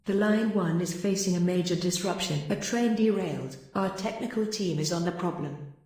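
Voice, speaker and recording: A woman's voice: lowish voice, moderate pace, a little mellow. Woman's announcement over an echoey station intercom. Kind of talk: automated transit announcement.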